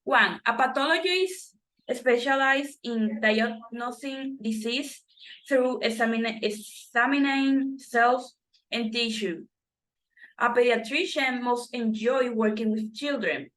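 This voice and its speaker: Slow, halting woman reading a textbook. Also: fairly high pitch, a bit bright, low-quality recording. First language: Spanish. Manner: halting, self-correcting reading with restarts. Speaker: student reading textbook exercises.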